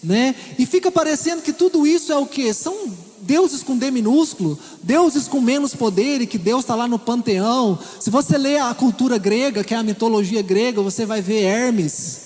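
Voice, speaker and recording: A man's voice: very high-pitched, moderate pace, hardly any pauses, a little mellow. A Brazilian man from Minas Gerais preaching a sermon as pastor, in a chatty style that keeps checking in with his listeners. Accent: Brazilian Portuguese, Minas Gerais. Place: church hall. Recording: echoey church hall.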